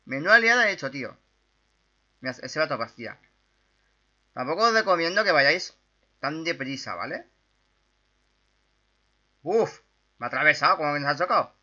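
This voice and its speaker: A young man with a Spain Spanish accent gives casual gameplay commentary, often breaking into excited yelps and strings of repeated words. His voice sits a bit high for a man and sounds very bright and sharp. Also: moderate pace, pauses often. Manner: chatty, excitable, with sudden loud outbursts and repeated words. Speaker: gaming YouTuber.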